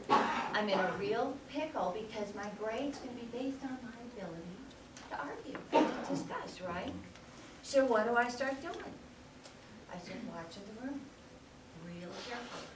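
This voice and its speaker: Woman lecturing in an echoey hall. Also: mid-range voice. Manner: animated, checks in with the audience by asking "okay?". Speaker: guest speaker. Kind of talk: storytelling lecture. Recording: echoey hall, distant mic, background noise.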